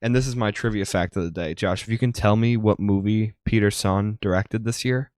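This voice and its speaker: A man's voice: on the low side, fairly even intonation, brisk, darkish tone, clean tone, no room sound, studio quality. A young man co-hosting a podcast, chatting casually and rambling with lots of ums. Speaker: podcast co-host. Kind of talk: casual chat.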